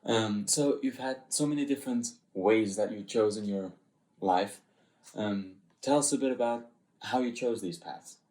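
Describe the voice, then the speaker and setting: A man's voice: lowish voice, unhurried, a little mellow, roomy sound. A man hosting an interview, asking questions in a hesitant way with many fillers. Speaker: host. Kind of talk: interview host.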